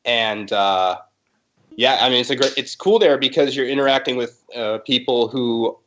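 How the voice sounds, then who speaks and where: Relaxed guy organizing a race, lots of ums, muffled lo-fi call audio. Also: medium pitch, normal speed, slight background noise. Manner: laid-back, full of fillers. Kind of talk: casual podcast chat.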